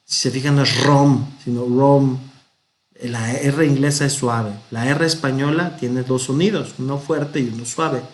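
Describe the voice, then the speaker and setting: A man with a Mexican Spanish accent teaching a Hebrew grammar lesson, patient and methodical, sounding out example words slowly. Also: mid-range voice, steady tone. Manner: patient, explains step by step, pronounces examples slowly.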